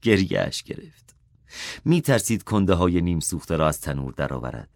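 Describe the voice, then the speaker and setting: A man reading a children's story aloud, expressive and dropping softer for the character's inner thoughts. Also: sits low, no room sound, studio quality.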